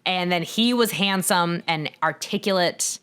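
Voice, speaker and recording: A woman in her thirties talks through a topic on a podcast in a loose, conversational way. Her voice sits a little low, and she often breaks into laughter or jumps up in pitch when she acts out what people said. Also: measured pace, a bit bright, clean tone. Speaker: podcast co-host. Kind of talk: casual conversational explanation.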